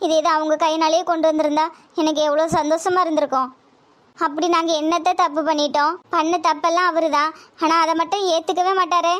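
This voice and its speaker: An earnest young pregnant daughter-in-law, voiced by a woman in a cartoon, with a spirited, defiant streak. She speaks Tirunelveli Tamil in a high voice. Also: flat delivery, fast talker, a bit bright.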